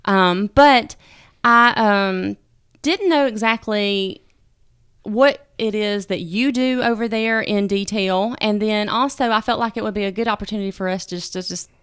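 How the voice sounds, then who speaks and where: A woman's voice: medium pitch, a little slow, fairly bright tone, smooth, dry recording, studio quality. A woman from Georgia hosting a casual radio interview, chatty and upbeat, with some fillers. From Georgia, USA. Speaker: radio host.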